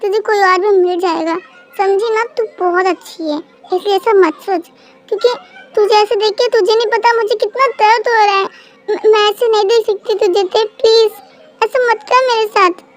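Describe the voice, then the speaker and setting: A high-voiced reader doing a loyal, bossy best friend girl. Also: steady tone, moderate pace, soft background music. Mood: comforting. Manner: scolding then comforting. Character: fiercely loyal young female best friend. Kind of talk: fan-dub audio drama.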